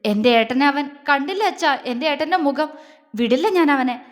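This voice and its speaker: A woman's voice: sits high, expressive, normal speed. A woman voicing a grieving young man swearing revenge for his brother, recorded with a long hall reverb. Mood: vengeful. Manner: clenched, determined.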